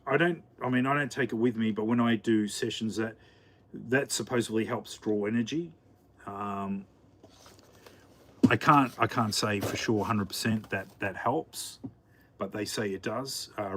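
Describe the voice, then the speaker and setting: A man chatting casually on a live stream, rambling and halting with lots of fillers. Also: fairly low pitch, fairly even intonation, a bit bright. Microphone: camera mic.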